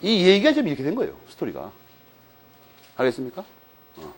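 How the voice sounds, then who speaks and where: A male law lecturer spins a story for his class and plays out every exchange. His pitch swings wildly from high to low, and his voice sits a bit above the usual male range. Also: fairly quick, husky. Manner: animated storytelling, acts out dialogue, frequent "eh?" tags.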